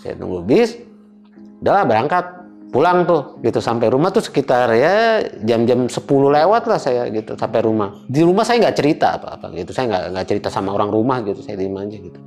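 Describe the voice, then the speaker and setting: A young man recounts a spooky personal experience as a guest. His pitch swings widely as he dramatizes each moment, and he keeps dropping casual fillers. A faint music bed plays quietly underneath. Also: fairly quick. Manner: animated, dramatic retelling with many fillers. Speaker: guest telling a personal ghost story. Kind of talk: casual spoken storytelling.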